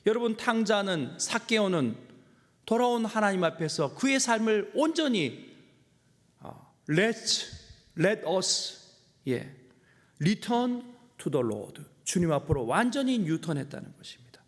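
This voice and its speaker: A man's voice: high-pitched, very animated, slow. A middle-aged male pastor preaching a sermon, telling a personal story with humor and emotion. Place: church sanctuary. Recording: long hall reverb.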